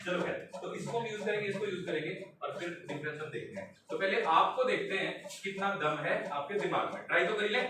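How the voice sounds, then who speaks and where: A man lecturing to a live audience, asking questions as he goes. His voice sits slightly high and sounds distant from the microphone. The hall is heavily echoey, with clear noise underneath. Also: fast talker, hardly any pauses, pushed and bright. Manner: interactive, quizzing the audience. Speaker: lecturer leading a memory workshop. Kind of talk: live classroom talk.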